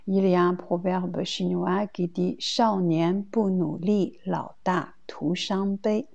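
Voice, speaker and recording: A woman with a Chinese accent teaches a language lesson at an unhurried, careful pace. Her voice is low and mellow with a gravelly edge, and she says each example twice. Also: steady tone, highs cut off. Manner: slow, deliberate, repeats each example twice.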